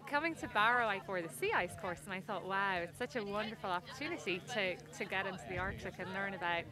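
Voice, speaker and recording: A woman's voice: mid-range voice, quick pace, crowd noise. A young woman researcher speaking in an interview with enthusiasm and easy laughter. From Ireland. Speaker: sea ice researcher.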